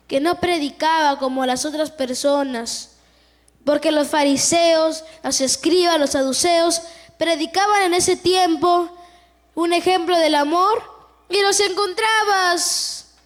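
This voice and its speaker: A woman preacher with a Peruvian Spanish accent speaks in a very high voice. She delivers her sermon emphatically, repeating key lines as her fervor builds. She is speaking in a church.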